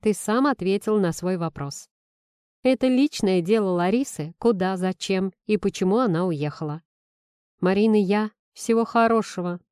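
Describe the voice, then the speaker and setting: A woman reading a storybook, voicing a suspicious, sharp-tongued young woman. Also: mid-range voice, normal speed, clear, resonant tone, dry recording, studio quality, natural voice. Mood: sarcastic, prickly. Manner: cool, sarcastic.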